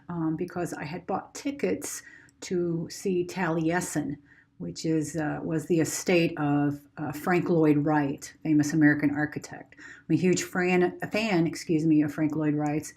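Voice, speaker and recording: A woman with a low-pitched voice narrates her travels as a vlogger. She speaks casually and without a script, pausing and hesitating as she goes. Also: fairly even intonation, a little mellow. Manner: conversational, hesitant, unscripted.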